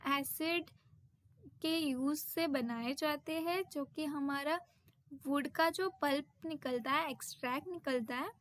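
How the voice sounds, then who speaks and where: A woman explaining a science textbook lesson, and she reads the English terms out slowly, one by one. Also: high voice, fairly bright tone, no echo. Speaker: teacher.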